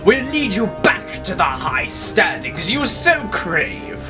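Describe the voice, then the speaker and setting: A man's voice: sits high, very animated, music in the background, voice pushed up, heavily acted. Man playing gloating, theatrical Green Goblin villain. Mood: mocking, gloating. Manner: taunting, theatrical, drawn-out words. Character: gloating costumed goblin supervillain, self-crowned crime king.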